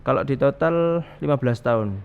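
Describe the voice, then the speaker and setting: Man, 30s, gravelly, rambling guest, muffled noisy recording. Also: mid-range voice, lively intonation, normal speed. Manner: rambling, with many restarts and Javanese fillers. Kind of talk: casual interview. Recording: dull, slightly noisy studio audio.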